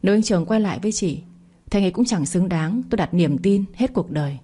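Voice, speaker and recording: A woman's voice: lowish voice, expressive, fast talker, dark tone, slightly rough. A woman voicing a proud young wife who answers back coolly and sharply, in a storybook telling. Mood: defiant. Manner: cool, cutting retorts.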